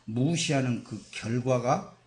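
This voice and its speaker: A man's voice: medium pitch, slow pace, a little mellow. A man preaching a sermon as pastor, emphatic and dramatic, acting out quoted voices. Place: church sanctuary. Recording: echoey church hall.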